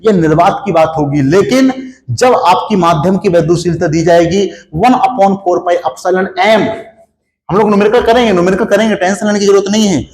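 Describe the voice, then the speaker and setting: In a hot studio with no air conditioning, a young man with a sore throat teaches physics at a board. His voice is high and a little mellow, at normal speed, in an echoey room. He works through things step by step, asking students questions and then answering them himself.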